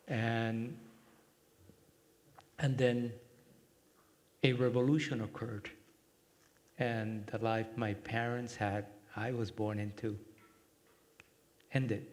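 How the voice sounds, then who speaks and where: A man from Cuba speaking at a workshop, guiding listeners through a quiet meditation in a gentle, reflective way. His voice sits fairly low and moves slowly, leaving long pauses. The sound carries a long reverb, as in a large hall. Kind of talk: talk with guided meditation.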